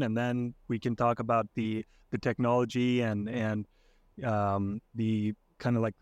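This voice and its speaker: A man from Iceland, a podcast guest, talking casually and thoughtfully with many pauses and restarts. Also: medium pitch, no echo. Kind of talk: casual conversation.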